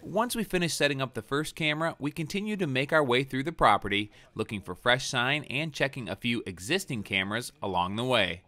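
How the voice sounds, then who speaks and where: A man narrating a scripted voice-over for an outdoor show in an even, measured way. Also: mid-range voice. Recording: narration over guitar music.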